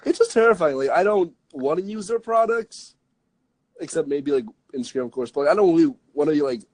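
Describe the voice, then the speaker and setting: A young man with a fairly high voice chats loosely on a podcast, wandering from joke to joke and leaning on "like" constantly. His voice sounds close and dry, with no room around it. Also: a little mellow, no room sound, rough recording. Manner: rambling, jokey, lots of "like". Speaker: podcast co-host. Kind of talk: casual chat.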